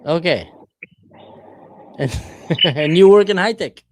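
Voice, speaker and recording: Speaking slowly in a slightly high, animated voice, a forties-aged man from Israel fires off questions to strangers during a casual livestream video chat. His desk camera mic adds a faint hiss or hum.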